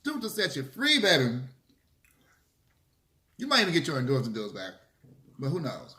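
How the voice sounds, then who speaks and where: A bright, forceful man's voice, pitched a little high, in a roomy echoing space. He chats casually between bites of food, sassy and opinionated, punching his points with slang and swearing. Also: huge pitch swings, moderate pace. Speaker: vlogger hosting a mukbang. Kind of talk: casual chit-chat to camera while eating. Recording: roomy, echoey room sound.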